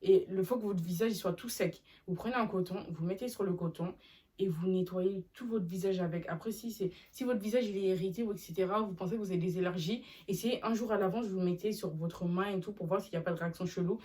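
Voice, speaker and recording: A young woman chatting casually in a vlog, animated and slangy as she talks to her viewers. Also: medium pitch, quick pace, recorded from a distance. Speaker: vlogger. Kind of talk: casual haul video chat.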